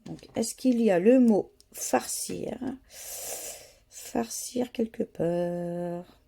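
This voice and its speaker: Slow, soft-toned woman scratching tickets. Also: mid-range voice, vocal fry. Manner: slow, methodical, spelling out letters one by one. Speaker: YouTuber scratching lottery tickets. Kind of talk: casual running commentary.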